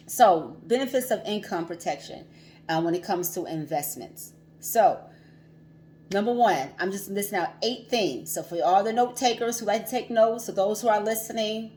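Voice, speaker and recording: A woman's voice: medium pitch, a little mellow, slight background noise. A woman hosting a casual livestream as a financial coach, chatty, laughing often and repeating herself.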